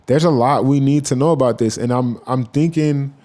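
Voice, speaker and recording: A man giving casual, profane reaction commentary as a YouTuber, rambling with animated asides. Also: mid-range voice, normal speed.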